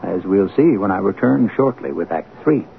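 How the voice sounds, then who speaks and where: Deep, gravelly man narrating radio drama. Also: expressive, moderate pace, very noisy. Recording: muffled phone-like radio recording, faint music.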